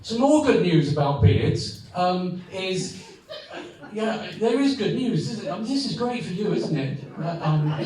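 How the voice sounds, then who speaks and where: A man doing live stand-up comedy, rambling and halting, with deadpan asides to the audience. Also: high voice. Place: comedy venue. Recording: echoey live room, far mic, audience.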